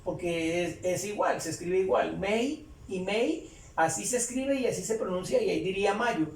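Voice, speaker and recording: A man teaching English grammar in Spanish, explaining slowly and repeating phrases as he writes on a board. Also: sits high, vocal fry, far from the mic. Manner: slow, repeats phrases while writing. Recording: echoey room, voice away from mic.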